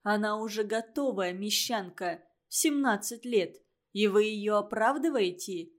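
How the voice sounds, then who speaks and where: A woman reading a novel aloud, voicing a stern, sharp-tongued young woman who lectures her friends harshly. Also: medium pitch, a little slow, lightly acted. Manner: harsh, cutting, emphatic.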